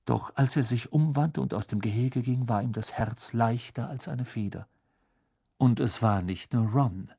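A man narrating an audiobook in an expressive storytelling voice, recorded close in a studio. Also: mid-range voice, measured pace, gravelly, breathy edge, no room sound. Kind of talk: scripted narration.

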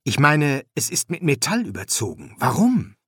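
A curious, commanding young pharaoh, put on by an audiobook narrator. The voice rides higher than the reader's own and swings lively between orders and questions, in a dry close sound. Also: male voice, normal speed, husky, no room sound, heavily acted.

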